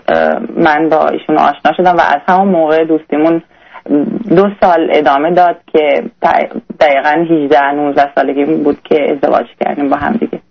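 A young woman calling in to a radio advice show, talking in a halting, hesitant way with many restarts. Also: low-pitched, creaky, dull audio. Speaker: caller. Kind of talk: radio call-in conversation.

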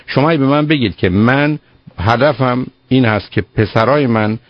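A man's voice: medium pitch, dry recording. A man hosting a radio call-in advice show, earnest and lecturing, repeating words for emphasis. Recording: dull lo-fi radio broadcast.

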